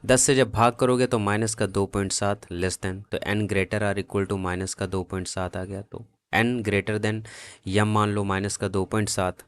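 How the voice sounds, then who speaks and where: A man's voice: lowish voice, level tone, a little slow, clean tone. A man teaching an exam-prep math lesson, working through problems step by step and often checking that his students follow, in a casual, familiar tone. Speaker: math tutor.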